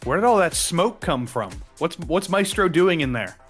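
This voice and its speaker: A man's voice: a little high, expressive, moderate pace, faint music behind. A man giving live color commentary and analysis at a sim racing event, with eager, jokey asides.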